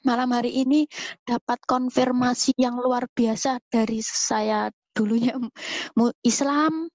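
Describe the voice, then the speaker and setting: Hesitant woman with a dry, higher voice. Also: fairly even intonation, a little mellow, no room sound. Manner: hesitant, many drawn-out fillers. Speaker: participant asking a question. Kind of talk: spontaneous talk in an online group session.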